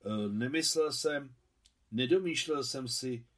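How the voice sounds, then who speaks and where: A man reading an audiobook, voicing a humble, kindly old male hospital watchman who speaks gently and plainly. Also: medium pitch, natural voice.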